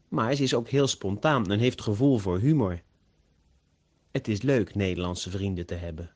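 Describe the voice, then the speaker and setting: A man narrating a story slowly and carefully, as an audiobook for language learners. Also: fairly low pitch, darkish tone. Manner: slow, carefully pronounced.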